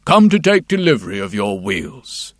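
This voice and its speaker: A man's voice: lowish voice, sing-song, moderate pace, dry recording, studio quality, voice pushed down. A man voicing a stern, officious royal chamberlain in a told story. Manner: curt, stern.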